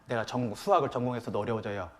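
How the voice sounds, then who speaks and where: A middle-aged man speaking at a parents' seminar at church, in a lively talk full of acted-out family quotes. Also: medium pitch, very fast. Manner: animated, mimics children and parents, frequent laughter from the room.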